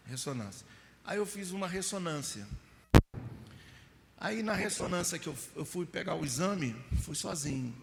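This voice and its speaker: A man's voice: high voice, animated, normal speed, creaky, pauses often, very noisy. A middle-aged Brazilian man preaching a sermon, telling personal stories and acting out scenes with voices and mock crying. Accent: Brazilian Portuguese. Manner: storytelling, acts out scenes with mock crying and voices, rising to shouts. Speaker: pastor. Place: church hall. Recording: live church hall with reverb.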